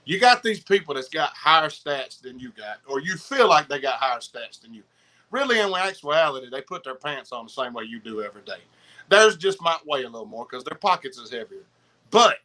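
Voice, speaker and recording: A middle-aged man with a Southern American accent tells rambling, slangy anecdotes in casual conversation. His voice sits a little high and is bright and forceful, and he circles back over his phrases with excitable energy. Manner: excitable, slangy, repeats himself. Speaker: podcast guest.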